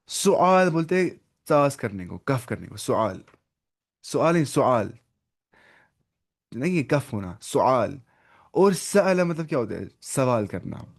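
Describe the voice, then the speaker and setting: A man's voice: medium pitch, vocal fry. A man with an Urdu-speaking accent teaching an online Arabic lesson, thinking aloud, looking up words and correcting himself as he goes.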